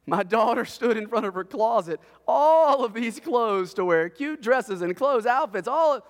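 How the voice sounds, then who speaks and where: A man delivers a sermon in an unusually high voice, spinning an everyday family story with animated, sarcastic flair. His words ring out with a long reverb trailing behind them. He sounds like a pastor talking straight to his congregation. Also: measured pace.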